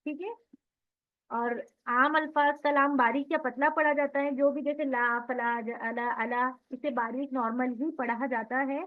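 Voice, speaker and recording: Female Quran recitation tutor, high-pitched, patient step-by-step explainer, recorded over a thin phone-like line. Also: steady tone. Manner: explains step by step, often checks with "theek hai"; recites Arabic words slowly and drawn out as examples. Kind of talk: online tajweed lesson. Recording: tinny phone-line sound.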